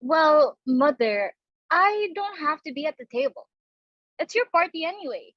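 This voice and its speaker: A woman reads a young society daughter in a play. The voice is high, timid and plaintive. The recording is dry and somewhat dull. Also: big pitch swings, a little slow, dry recording. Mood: resigned, plaintive.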